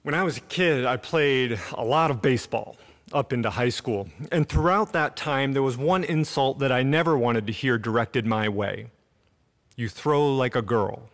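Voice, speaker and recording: A man in his thirties preaches a sermon at a podium mic in an empty church sanctuary. His delivery is earnest and measured, with deliberate pauses. His voice sits in an ordinary middle register. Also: medium pitch, fairly bright tone. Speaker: pastor. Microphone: podium gooseneck mic.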